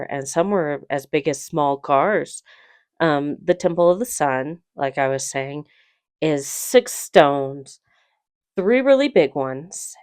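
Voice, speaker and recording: A woman's voice: low-pitched, a little mellow, clean tone, no echo, studio quality. A woman casually narrating her trip in a home voice-over, rambling a bit and unsure of place names.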